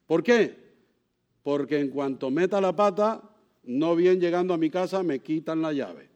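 A man's voice: fairly high pitch, a little slow, highs cut off. A man preaching a sermon, telling stories with sudden exclamations and asking his listeners questions. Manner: animated storytelling with sudden exclamations; asks the congregation questions.

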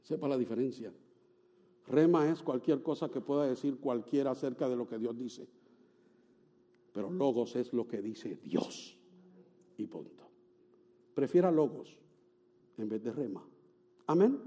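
A man preaching a sermon, emphatic and swinging up into shouts. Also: mid-range voice, measured pace, long pauses.

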